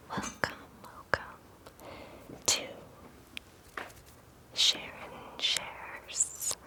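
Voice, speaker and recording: A woman performing ASMR in a soft, unvoiced whisper, drawing words out and repeating them. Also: rough recording. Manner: very slow, drawn-out, repeats words for tingles.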